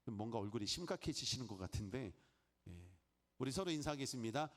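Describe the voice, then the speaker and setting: Speaking a little fast at medium pitch, this middle-aged preacher gives an energetic sermon. He voices Bible figures and people's inner thoughts, and he draws the congregation into call-and-response.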